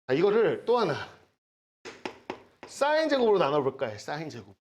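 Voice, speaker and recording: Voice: mid-range voice, huge pitch swings, moderate pace, a little mellow, slight background noise. A math teacher giving a recorded lecture, talking casually, repeating key words, checking that students follow, and breaking off for jokey asides. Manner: asks learners to check understanding.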